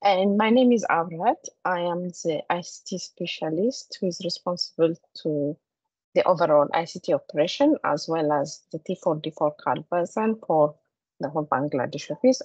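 A man's voice: a little high, moderate pace, darkish tone, breathy edge, no echo. A man from Ethiopia working as an ICT specialist, briefly introducing himself on a webinar in a matter-of-fact way over a video call. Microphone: video call microphone. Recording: dry, dull video call audio.

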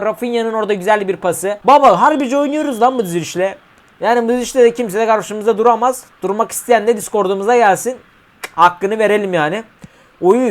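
A young man commentating his own mobile football match for viewers, chatty and slangy, often swearing and shouting at the game. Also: sits high. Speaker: gaming YouTuber.

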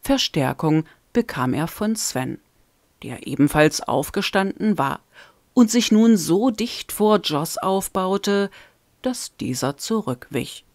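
A woman reading a novel aloud as a fan-made audiobook, in an even storytelling manner. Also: fairly low pitch, slow, no echo, studio quality. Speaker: audiobook reader.

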